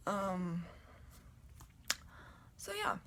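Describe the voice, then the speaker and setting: A young woman vlogging casually at home to a camera, with a low voice and a rambling, chatty way of talking full of ums. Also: big pitch swings, extremely slow, gravelly, a bit bright. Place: at home, indoors in her apartment. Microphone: camera in front of her.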